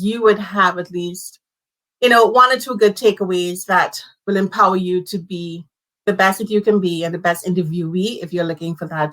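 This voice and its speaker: A woman hosts a live-streamed career talk, her voice bright and forceful. She talks in an animated, conversational way and leans on key words. She comes through as if on a video call. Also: mid-range voice, rough recording. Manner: animated, conversational, speaks with emphasis. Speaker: host.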